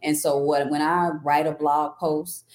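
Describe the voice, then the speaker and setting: A woman with a low, mellow voice talks earnestly as a podcast guest. Her delivery is reflective and warm in tone, steady and sincere. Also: a little slow. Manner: earnest, faith-filled, reflective. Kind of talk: casual interview chat.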